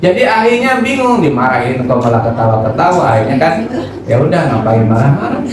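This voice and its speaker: A man giving a religious study sermon, lively and acting out examples, often asking his audience questions. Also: medium pitch, a little fast, a loud crowd. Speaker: Islamic preacher. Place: study gathering room. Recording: echoey room, distant mic, noisy.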